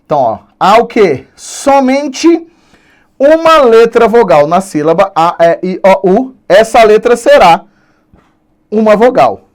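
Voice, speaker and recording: A male Brazilian Portuguese teacher giving an online grammar lesson, animated and drawing out key words slowly for emphasis. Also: high-pitched.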